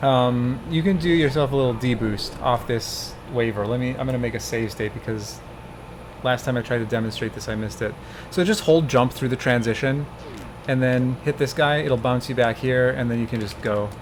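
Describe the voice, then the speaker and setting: A relaxed man in his twenties talks a friend through a game route one step at a time, often breaking into laughter. His pitch sits in an ordinary middle range. A steady hum of air conditioning runs clearly under the voice. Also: moderate pace. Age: 20s. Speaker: streamer coaching a speedrun. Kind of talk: casual gameplay chat.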